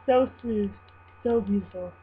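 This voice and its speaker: A woman giving an amateur dramatic reading of fan fiction, halting and prone to stumbles. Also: medium pitch, husky. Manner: halting, stumbles over words and breaks into giggles. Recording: muffled, humming home recording.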